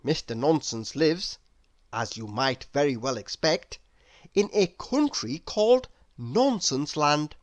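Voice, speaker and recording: A woman with a low-pitched voice reads a children's story aloud at a slow pace, her intonation lively and expressive. She poses questions to the listener as she narrates.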